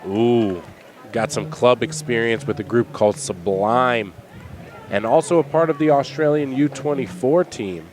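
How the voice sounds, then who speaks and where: A man doing colour commentary at a live outdoor match, analysing tactics and player backgrounds. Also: on the low side. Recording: loud crowd behind.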